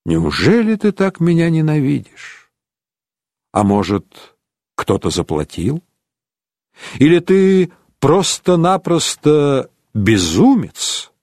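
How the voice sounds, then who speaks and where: A man's voice: on the high side, sing-song, takes it slowly, darkish tone, no room sound, clean studio sound, heavily acted. A man voicing a haughty, mocking prince in an audiobook, drawling and sneering. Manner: languid, sneering.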